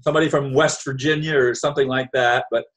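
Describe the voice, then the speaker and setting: A man from New Jersey hosting a casual chat, speaking in short, measured remarks. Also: medium pitch, fairly even intonation, fairly bright tone.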